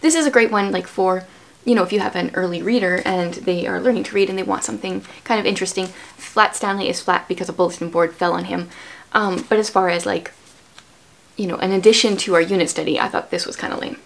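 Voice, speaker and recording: A woman in her thirties, a homeschooling mother, hosts a casual book chat in a small furnished room at home. She explains things conversationally and prompts with questions. Her mid-range voice is gravelly, and she talks fast.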